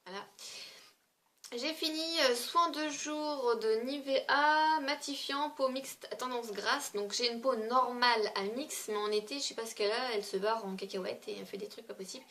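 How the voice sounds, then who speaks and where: With a fairly high, fairly bright voice, a woman beauty vlogger talks casually through a product review. Her delivery is loose, full of fillers and little hesitations.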